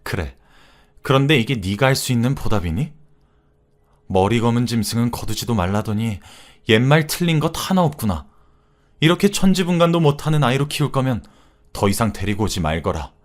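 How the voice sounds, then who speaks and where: A man's voice: medium pitch, very animated, fairly quick, voice pushed up, lightly acted. Stern older mother lecturing her daughter-in-law, read by a man; reproachful and firm. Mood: scolding.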